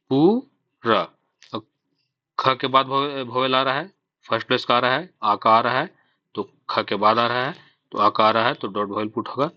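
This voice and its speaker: A mid-range male voice leads a shorthand class, explaining things patiently one step at a time and answering his own questions. He speaks Hindi with English terms mixed in. The sound is muffled and has no echo.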